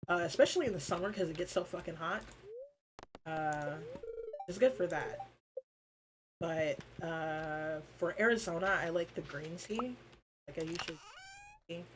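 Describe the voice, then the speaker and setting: Woman, streamer, casual rambling chat, informal, lowish voice, noisy recording. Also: normal speed, pauses often. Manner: rambling and informal, with frequent fillers and swearing.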